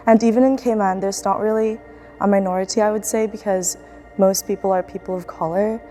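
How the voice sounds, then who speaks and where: A woman's voice: mid-range voice, fairly even intonation, brisk, dark tone, faint music behind. A young woman student athlete from the Philippines, speaking in a casual, reflective documentary interview with fillers and restarts. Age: young adult.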